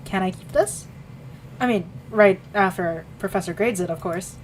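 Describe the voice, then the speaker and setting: An eager young college girl who gushes a little over her classmate, voiced by a woman reading a visual novel aloud. Everyday voice, bright and friendly. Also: mid-range voice, moderate pace, a little hiss or hum, natural voice, poor audio. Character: young female student, eager and admiring.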